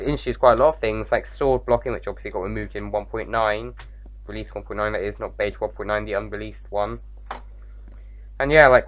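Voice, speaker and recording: A man's voice: on the low side, dull audio. A man giving casual gameplay commentary, rambling with many fillers and self-mocking jokes, his voice wearing out late at night. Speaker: gaming YouTuber.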